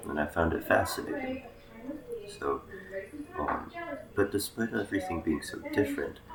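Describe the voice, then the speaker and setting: A young man, a college student born in Taiwan, practicing a presentation in a slow, reflective way with many fillers. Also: extremely low pitch, vocal fry, reverberant, rough recording. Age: young adult. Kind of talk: rehearsed presentation.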